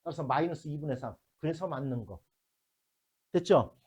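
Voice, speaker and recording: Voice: medium pitch, lively intonation, normal speed, darkish tone, slightly rough. A math teacher lecturing a classroom, working through problems step by step and constantly checking whether the students follow, mixing blunt casual talk with polite endings.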